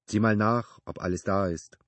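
A laid-back mechanic with a deep, husky voice, as a male narrator plays him, chatting offhandedly in loose everyday speech. It is read close and dry, like an audiobook. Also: normal speed, no room sound, lightly acted. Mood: casual. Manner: relaxed, offhand colloquial talk.

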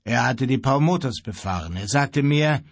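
A man reading as a curious ship's mate from an audiobook, asking in a plain, husky voice. The recording is dry and close. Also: mid-range voice, animated, moderate pace, dry recording.

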